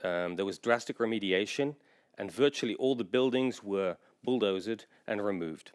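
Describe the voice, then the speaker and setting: A man giving a measured, informative conference presentation as a general manager, pausing often on fillers. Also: fairly low pitch, clear, resonant tone. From England.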